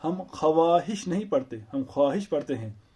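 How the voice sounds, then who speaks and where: A man's voice: a little high, expressive, a little mellow. Man teaching with repeated examples. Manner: explains slowly with repeated examples and rhetorical questions. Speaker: Urdu teacher. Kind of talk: spoken grammar lesson.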